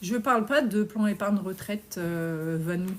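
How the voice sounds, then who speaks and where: A woman's voice: medium pitch, a little slow. Blunt woman in her forties. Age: 40s. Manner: blunt and outspoken, casual slang. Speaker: personal finance coach. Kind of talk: live stream Q&A, reading viewer comments.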